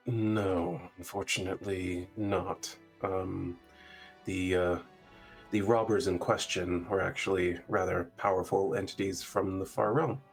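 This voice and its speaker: Man playing a calm courteous adventurer. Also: deep voice, a little slow, gravelly, faint music behind. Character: calm, polite adventurer traveling with a crew.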